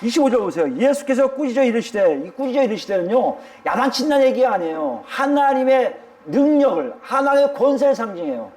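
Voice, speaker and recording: A man's voice: very high voice, very animated, fairly quick, hardly any pauses, a little mellow. A male pastor preaching a sermon, speaking emphatically and addressing the congregation directly.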